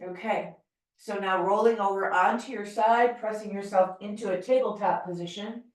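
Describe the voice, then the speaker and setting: A middle-aged American woman leading a yoga class, calmly and gently cueing breath and movement. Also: medium pitch, normal speed. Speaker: yoga teacher. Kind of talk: guided yoga class instruction. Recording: very echoey room, voice from far off.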